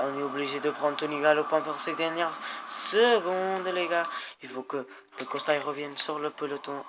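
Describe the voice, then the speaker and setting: A man playing a cycling game, commentating excitedly, swearing and cheering his riders on. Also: on the high side. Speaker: gamer. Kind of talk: let's-play commentary. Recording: background noise.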